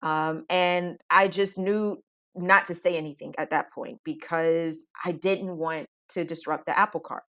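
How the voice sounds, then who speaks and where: A woman's voice: fairly low pitch, steady tone, unhurried, bright, forceful tone. A woman telling a personal story in a casual, conversational way, with many fillers like "um" and "like".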